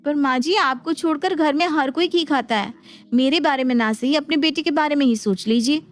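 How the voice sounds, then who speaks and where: A woman voices a headstrong young daughter-in-law in a cartoon. She is sassy and quick to talk back. Her voice runs high. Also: lightly acted.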